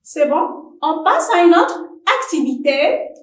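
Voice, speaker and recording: A woman teaches a primary school French lesson for television, addressing young pupils with deliberate care. She speaks very slowly with a fairly high voice. The sound is roomy, with her voice a little off the microphone. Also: sing-song. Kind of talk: slow televised classroom lesson. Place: classroom or studio for televised distance teaching. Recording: roomy echo, voice from a distance.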